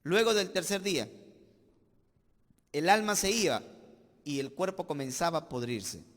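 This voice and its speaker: Peruvian pastor preaching, bright sharp voice, lots of hall echo. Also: male voice, on the high side, lively intonation, a little slow. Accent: Peruvian Spanish. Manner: emphatic preaching with repeated phrases. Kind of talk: sermon. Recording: reverberant church hall.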